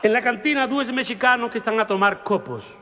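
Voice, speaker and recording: High-voiced man telling jokes live. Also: fairly quick, sharp tone, in a large hall. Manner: mixes Portuguese into Spanish, laughs at own jokes. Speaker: stand-up comedian telling jokes. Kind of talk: live stand-up joke telling. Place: live show before an audience.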